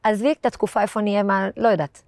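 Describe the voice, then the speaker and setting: A woman's voice: mid-range voice, steady tone, darkish tone, no room sound. Woman host asking questions, dry sound. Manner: asks probing, conversational questions. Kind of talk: casual interview chat.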